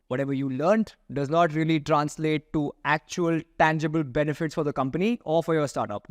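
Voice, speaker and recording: A man's voice: a little high, dry recording, studio quality. A man from India with an Indian accent, hosting and interviewing on a podcast.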